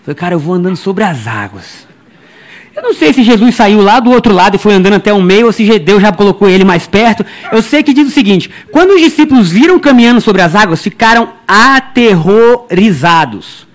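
A man preaching a lively, humorous sermon in a church, chatting with his listeners and calling them brother. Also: high-pitched, brisk, few pauses. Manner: acts out quoted people in his stories. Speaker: pastor.

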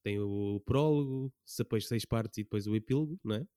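A man's voice: lowish voice, a little fast, dark tone, smooth, no room sound, studio quality. A man explaining things in a casual film discussion as a podcast co-host, often repeating words.

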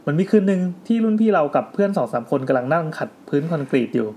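Fast-talking male host telling ghost stories. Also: a little high, expressive, mellow. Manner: storytelling, reads letters aloud with asides. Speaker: podcast host. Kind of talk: retelling listener ghost stories to co-hosts. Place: indoor studio with co-hosts.

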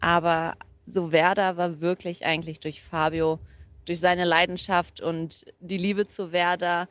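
A woman's voice: fairly low pitch, flat delivery, a little slow, fairly bright tone, no room sound. A woman of Portuguese family speaking frankly in an outdoor interview. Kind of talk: casual interview.

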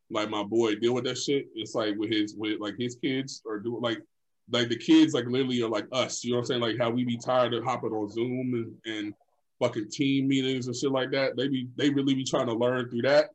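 A young man co-hosting a casual chat, telling stories in an animated, profane way, full of filler phrases. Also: mid-range voice, normal speed, low-quality recording. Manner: animated, profane storytelling full of "like" and "you know what I'm saying".

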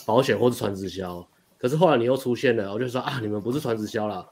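A man's voice: mid-range voice, darkish tone, slight background noise. A young man, a dating coach, telling a story in casual chat, rambling and restarting as he goes. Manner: rapid, rambling retelling with frequent restarts and laughs.

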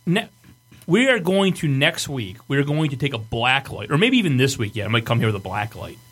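A man's voice: medium pitch, very animated, fairly quick, a bit bright, husky. A man with a Michigan accent hosting a podcast, telling stories casually in a profane, exasperated manner. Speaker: podcast host. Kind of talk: casual storytelling banter.

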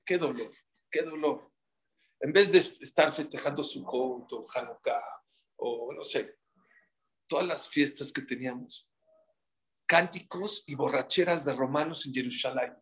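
A man's voice: mid-range voice, unhurried, fairly bright tone. A man teaching a live Talmud class, telling the stories dramatically and firing rhetorical questions at his listeners.

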